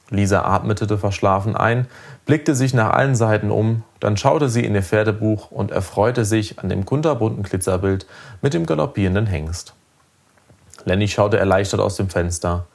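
A man narrating a children's story aloud in a lively, expressive way. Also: on the low side, creaky. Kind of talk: audiobook storytelling.

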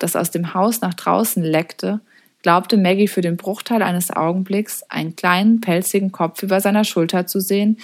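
A woman narrating an audiobook in a measured, expressive way. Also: mid-range voice. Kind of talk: scripted storybook narration.

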